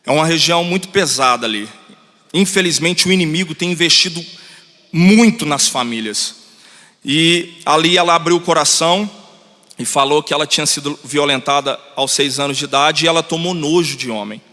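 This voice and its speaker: A man, preaching a sermon as pastor and telling a story in an animated way to the congregation. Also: on the high side, moderate pace. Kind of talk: sermon testimony. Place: church hall. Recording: long reverb of a church hall.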